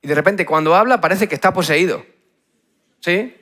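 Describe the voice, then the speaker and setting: A man with a Spain Spanish accent delivers an energetic youth talk. His voice sits a little high, and his phrasing is punchy and direct. He keeps checking in with his listeners. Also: normal speed. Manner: punchy, asks the crowd "¿sí?" over and over. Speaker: youth speaker.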